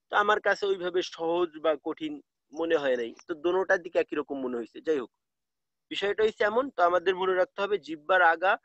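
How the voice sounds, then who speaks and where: A man's voice: high-pitched, fairly bright tone, no echo. A man teaching an online class, explaining step by step and repeating key terms.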